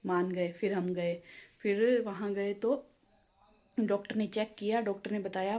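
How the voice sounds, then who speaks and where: A woman vlogger chats through a family story at a relaxed pace. Her voice is mellow and warm, and she keeps slipping in little "na" and "matlab" fillers as she talks. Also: mid-range voice. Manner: chatty and homely, peppering speech with "na" and "matlab". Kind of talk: casual storytelling vlog.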